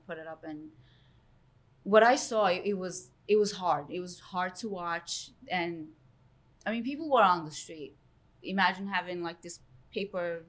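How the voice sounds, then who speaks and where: A woman from Turkey speaks in a lowish but bright, forceful voice. She tells her story earnestly and with feeling as a podcast guest. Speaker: real estate agent, guest. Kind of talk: casual podcast interview.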